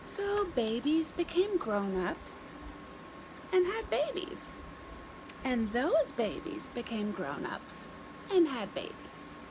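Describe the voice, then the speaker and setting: Simple phrases and dramatic pauses mark this expressive, deliberate story reading by a woman for young children. Her voice sits high, and background noise can be heard.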